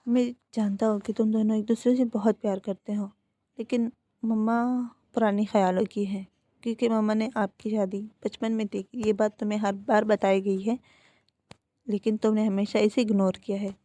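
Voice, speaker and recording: An elder brother figure, protective and steady, talking in a soft reassuring way, as a woman reads him out. The voice is mellow and dark, heard close and dry with no room sound. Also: medium pitch, normal speed, no echo, close to an everyday voice. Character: stern but caring older brother figure, male.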